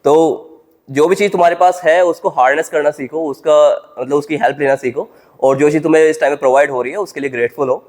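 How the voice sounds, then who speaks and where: A man's voice: a little high, fairly even intonation, darkish tone. A young man giving casual, direct advice to viewers in a vlog, recorded in a gym. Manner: brisk, informal, addresses viewers directly. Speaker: exam coaching YouTuber.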